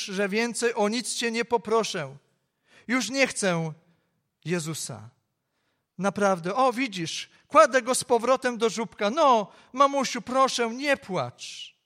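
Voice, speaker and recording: A man's voice: high voice, slow, a bit bright. A man voicing an earnest little girl of about four or five who begs her mother during a told story. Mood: consoling. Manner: earnest and begging.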